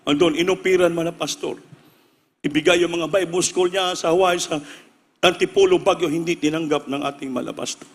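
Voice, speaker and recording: A male preacher telling a story in a sermon, acting out the voices of the people in it and rising to shouts. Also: a little high, fairly even intonation, moderate pace, in a large hall.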